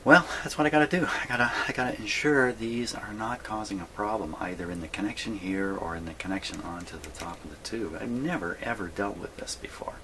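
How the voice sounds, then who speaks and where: In a hands-on repair vlog from his indoor radio workshop, a man fixing vintage radios as a hobby thinks aloud casually, rambling in a folksy way. He speaks briskly with hardly any pauses, in a lowish, bright and forceful tone. Clear background noise runs through the recording.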